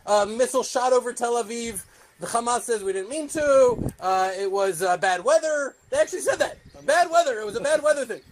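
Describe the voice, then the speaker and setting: A man hosting a casual roundtable, asking quick questions in an enthusiastic, joking manner. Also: very high-pitched, slight background noise. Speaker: host, moderator.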